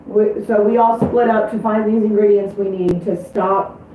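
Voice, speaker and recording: A woman's voice: medium pitch, fairly even intonation, moderate pace, slight background noise. A woman player telling a tabletop game story in casual, emotional chat, swearing often. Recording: distant echoey tinny lo-fi audio.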